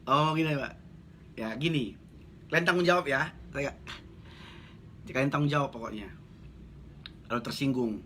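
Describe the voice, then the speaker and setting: A man's voice: mid-range voice, lively intonation, moderate pace, pauses often, a bit bright, slight background noise. A man talking blunt and casual on a live stream, reading out viewer comments and joking as a network marketing coach. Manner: blunt, joking, chatty, laughs often.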